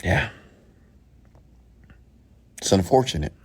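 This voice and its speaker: A man with a very low voice delivers a motivational mindset talk. He is blunt and scolding, hammering points home through repetition. Rhetorical questions are thrown straight at his listeners. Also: expressive, takes it slowly, husky. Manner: emphatic, repeats phrases and poses rhetorical questions. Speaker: motivational speaker and host.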